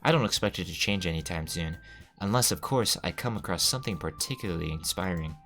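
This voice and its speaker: Man reading a cool, reserved game schoolgirl: measured and low. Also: animated, a bit bright, faint music behind. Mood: cold. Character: reserved, cutting teenage girl.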